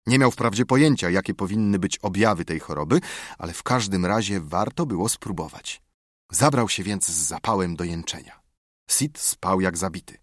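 A man reads a storybook aloud in a lively, rising-and-falling voice with a husky edge. The recording is close and dry, with no room sound. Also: low-pitched, moderate pace, no echo. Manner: expressive storytelling. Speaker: audiobook narrator. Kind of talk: scripted narration.

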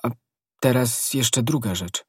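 A man's voice: mid-range voice, slow, husky, dry recording, clean studio sound, voice pushed up. A man voicing an anxious young woman. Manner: pleading, fearful.

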